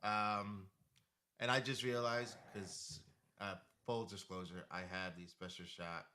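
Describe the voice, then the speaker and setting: A man co-hosting a casual live stream, talking loosely with many fillers and restarts, and getting animated when he quotes others. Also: fairly low pitch, slow, a little hiss or hum. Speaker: co-host of a live crypto talk stream. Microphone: home desk mic with monitor.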